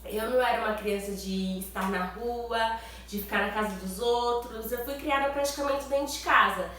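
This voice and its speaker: Sounding stuffed up and nasal from a cold, this Brazilian vlogger talks to her viewers in a relaxed way, frequently tacking on small tag questions, her accent Brazilian Portuguese. At a normal speed, her voice is on the high side and a bit bright, and the audio carries some hiss or hum, heavy room echo and mic distance.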